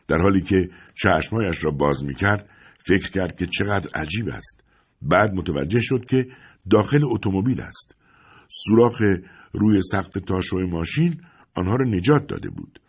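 Deep, husky male storyteller. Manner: expressive storytelling with lively swings. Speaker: narrator. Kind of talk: audiobook narration. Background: faint music.

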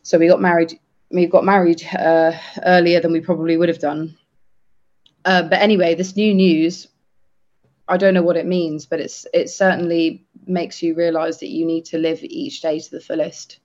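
A man co-hosting a podcast, talking earnestly and haltingly with many restarts. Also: fairly high pitch, little pitch movement, darkish tone. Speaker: podcast co-host. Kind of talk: casual podcast chat. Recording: dull lo-fi sound.

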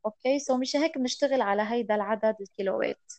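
A woman with a Lebanese accent speaks in a fairly high voice, close and dry. She explains things as an interview guest, dropping in French and English words. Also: very fast, a little mellow, dry recording. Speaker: nutrition expert guest.

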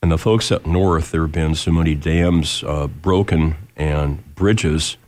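Deep, nasal American man hosting radio. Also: fairly even intonation, measured pace, darkish tone, no echo. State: recovering from lost voice. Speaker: radio show host. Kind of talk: casual live radio talk.

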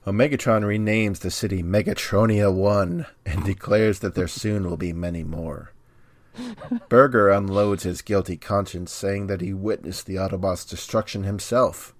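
A man co-hosting a podcast, recapping an episode's plot in a steady storytelling way with dry humor. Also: low voice, moderate pace.

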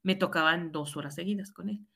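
This time her voice is fairly low, brisk, creaky, and bright, with a forceful tone. The Mexican-accented high school teacher earnestly tells a personal story, acting out dialogue and frequently tagging on "right?"

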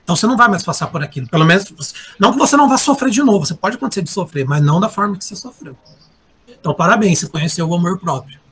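A man with a high, swooping voice recounts his own story in a relaxed chat. He talks with animation and slips into the voices of the people he quotes. A faint hiss sits under his voice. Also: rapid-fire. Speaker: guest sharing a personal story. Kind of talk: casual confessional chat.

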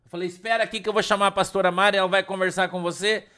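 A pastor from Brazil preaching an informal sermon, blunt and scolding, full of slang. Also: male voice, sits high, flat delivery, racing, bright, forceful tone, smooth. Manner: blunt, scolding, slangy, mimics whiny congregants.

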